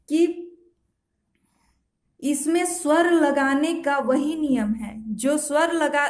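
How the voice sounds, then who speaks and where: Slow, high-voiced woman shorthand teacher. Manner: slow, patient explanations with self-corrections and repeated examples. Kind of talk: step-by-step instructional lesson. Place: home.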